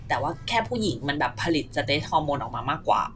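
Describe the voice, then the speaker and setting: A woman co-hosting a casual science chat, telling stories in a lively way and explaining facts as she talks. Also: low-pitched, quick pace, slight background noise. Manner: lively storytelling, acts out her own reactions.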